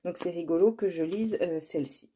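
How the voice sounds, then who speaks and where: A slightly hoarse woman presenting her oracle card decks, reading card names and texts aloud in a soft, unhurried way. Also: lowish voice. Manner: slow and soft-spoken, reads card titles aloud. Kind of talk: casual show-and-tell with card readings.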